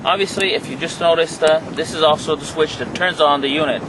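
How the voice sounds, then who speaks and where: A man giving an instructional product demonstration as a trainer, speaking in a halting, explanatory way, recorded outdoors on a boat. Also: on the high side, steady tone, a crowd in the background, poor audio. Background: wind and boat noise.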